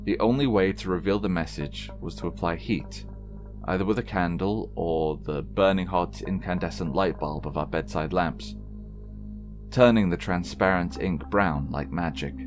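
A man with a very low, deep voice narrates a scripted horror story. His delivery is measured and solemn. Soft music plays faintly behind him. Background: faint background music.

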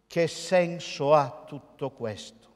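An older male pastor with an Italian accent, preaching a sermon from a church pulpit in a measured, emphatic way, posing rhetorical questions to the congregation. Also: on the high side. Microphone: pulpit mic, filmed by a camera across the church. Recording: long church reverb.

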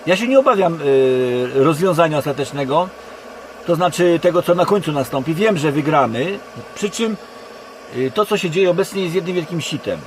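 A Polish man giving a rambling monologue to camera from inside a car, speaking haltingly and often correcting himself. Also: fairly high pitch, poor audio. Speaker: online video creator. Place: inside a parked car in a forest. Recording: constant background noise in a car. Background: steady background hum.

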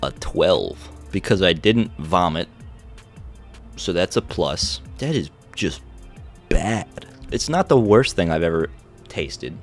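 A man's voice: deep voice, very animated, slow pace, soft background music. A man casually chatting through a snack taste test, joking and reacting with exaggerated disgust. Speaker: vlogger reviewing snacks.

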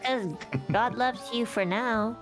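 A woman's voice: a little high, fairly even intonation, takes it slowly. A woman in casual gaming chat, bluntly teasing and grumbling in mock annoyance. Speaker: streamer playing a party game. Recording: loud music behind the voice. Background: game music.

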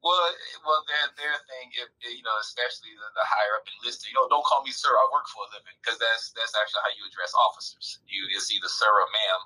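This is a man, talking as a podcast guest. His voice is very bright and forward but husky, and he thinks aloud in a stop-start, mild-mannered way. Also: lowish voice, fast talker, few pauses, low-quality recording. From Southern United States. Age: 30s. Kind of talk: casual chat.

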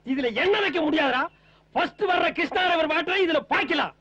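A man's voice: very high voice, fast talker, pushed and bright, no room sound. An actor playing a sarcastic village man who scolds and mocks the people around him, on a dull old film soundtrack. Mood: mocking. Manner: mocking, scolding rants. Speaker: comic lead in a village comedy film.

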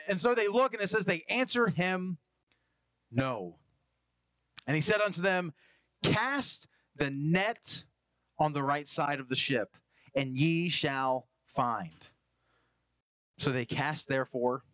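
A fairly high-voiced man preaches with lively energy, acting out Bible scenes in playful character voices. The sound is dry and close. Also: no echo. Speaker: pastor. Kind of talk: sermon.

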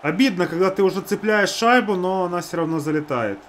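A man casually commentates his own hockey video game, chatting to his teammates as he goes. His voice sits a little high, with faint game noise behind it. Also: animated, fairly quick. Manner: talks to teammates and himself.

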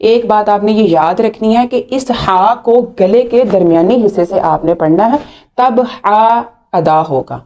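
धीमी रफ़्तार वाली धैर्यवान महिला शिक्षिका. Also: female voice, medium pitch, dark tone. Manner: patient, drawn-out letter sounds. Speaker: Quran recitation teacher. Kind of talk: slow step-by-step lesson.

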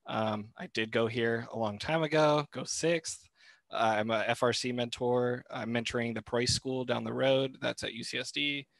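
A young man casually introducing himself at a student club meeting over a video call, relaxed, with fillers and restarts. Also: mid-range voice, normal speed, creaky, no room sound. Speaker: graduate liaison.

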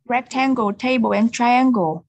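A young woman with a Vietnamese accent teaches English online. She speaks slowly and patiently in a fairly high voice, with her words mixed between English and Vietnamese. The sound is close and dry. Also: fairly even intonation, darkish tone, no echo. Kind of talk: online repeat-after-me language drill.

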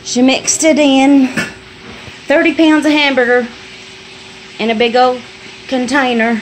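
A middle-aged woman who runs a homestead vlog chats casually while filming on her phone in a small home kitchen, folksy and chatty with easy laughter, as food fries and sizzles nearby. Her high voice comes out flat and unhurried. The audio is poor, with a little hiss or hum.

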